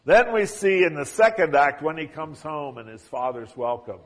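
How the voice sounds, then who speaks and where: A man preaching a sermon, retelling a story with dramatic emphasis and swings between loud and quiet delivery. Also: on the high side, moderate pace. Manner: dramatic retelling, acting out quoted lines.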